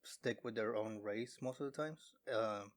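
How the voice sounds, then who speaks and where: A man's voice: lowish voice, a little slow. A man co-hosting a podcast, talking casually and hesitantly with many fillers and restarts. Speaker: podcast co-host. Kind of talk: casual chat.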